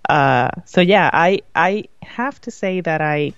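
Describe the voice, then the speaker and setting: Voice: mid-range voice, lively intonation, takes it slowly, a bit bright, no echo, highs cut off. A co-host in a casual chat, speaking hesitantly with many restarts and frequent laughter.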